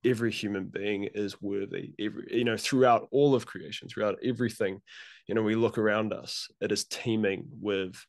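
A man's voice: on the low side, steady tone, moderate pace, no room sound, studio quality. A man in his thirties with a New Zealand accent, speaking earnestly and reflectively as a guest on a video call, with many fillers. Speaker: guest, youth worker. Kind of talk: casual conversation. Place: home room.

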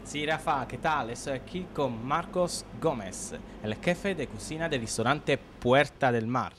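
A young man whose first language is Italian, reporting on location in a restaurant kitchen with a handheld mic, brisk and handing the talk along. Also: medium pitch, a bit bright, a little hiss or hum. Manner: brisk, hands the talk back and forth.

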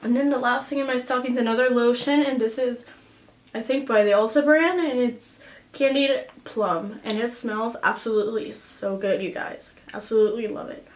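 Her voice is on the high side and steady at a normal pace as this young vlogger chats through a casual haul at home. Upbeat, she leans on "like" and "um" while holding a cough drop in her mouth, and the indoor room echoes.

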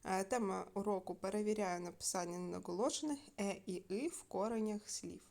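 A woman teaching primary school children in a recorded video lesson, reading out words slowly and clearly, with small fillers between steps. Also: medium pitch, darkish tone. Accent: Ukrainian. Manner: slow, clear dictation with fillers.

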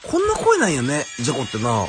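He's a fast-talking gaming YouTuber whose broad Kansai Japanese accent colors his excited running commentary on his pulls. His pitch lurches from murmurs to yelps as he exclaims and wonders aloud in an easygoing way, all over clearly audible game music.

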